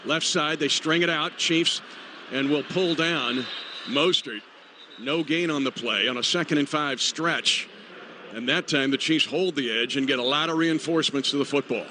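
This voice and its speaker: An American man calls football play-by-play live on the radio, his fairly high voice pushed and bright at a normal speed. Stadium noise fills the background of the noisy broadcast.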